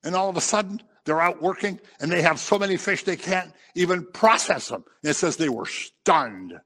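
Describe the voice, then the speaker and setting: A man delivers a sermon in an easy, conversational tone. He preaches with animation and slips into quick acted voices for the people in the passage he explains. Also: high-pitched, expressive, pushed and bright. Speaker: pastor.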